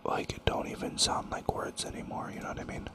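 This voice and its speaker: Here a gaming channel host murmurs close to the microphone in whispered ASMR style as he plays a strategy game, musing aloud at a gentle, unhurried pace and toying with words he repeats.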